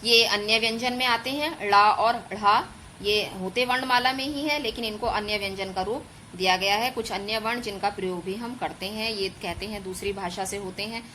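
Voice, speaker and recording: A woman's voice: mid-range voice, moderate pace, bright, forceful tone, slight background noise, poor audio. A woman schoolteacher giving an online grammar lesson to children, patiently explaining step by step and drawing out sounds as examples. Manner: addresses pupils as children. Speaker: school teacher.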